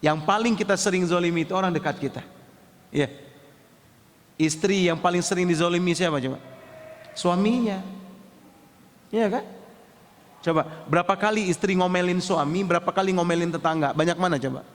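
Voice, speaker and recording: Male preacher, high voice, lively storytelling sermon, long hall reverb. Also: normal speed, pauses often. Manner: lively, acts out household dialogue. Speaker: Islamic preacher.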